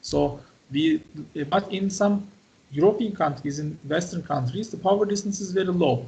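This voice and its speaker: Male university lecturer, slightly high and gravelly, talks in short phrases and keeps checking in with the class. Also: normal speed, dark tone. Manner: talks in short fragments, often asks "right?" and "okay?".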